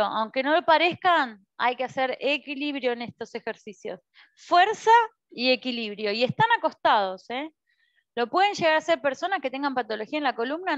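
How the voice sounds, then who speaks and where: A woman's voice: high voice, fairly bright tone, dry recording, highs cut off. A woman with an Argentine Spanish accent teaching a Pilates class, cueing movements with frequent checks and encouragement. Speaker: Pilates instructor. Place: Pilates studio.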